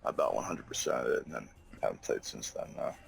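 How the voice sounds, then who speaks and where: A laid-back man chatting on a game stream, halting, with many fillers. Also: rumbling low, lively intonation, vocal fry. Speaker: friend on the stream. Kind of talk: casual chat.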